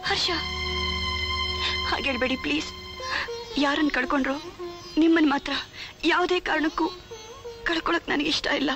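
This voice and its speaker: A tearful young bride, soft and pleading. Her voice sits high. Film score music plays under her on an old movie soundtrack. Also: normal speed, long pauses.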